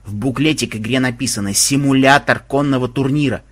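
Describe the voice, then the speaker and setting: A husky-voiced man voicing a stern male team leader who lectures in a measured way. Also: medium pitch, natural voice.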